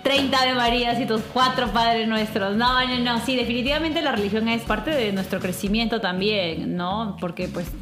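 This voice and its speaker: A woman's voice: a little high, normal speed, hardly any pauses, over music. Chatty woman host from Peru. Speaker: podcast host. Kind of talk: casual interview chat.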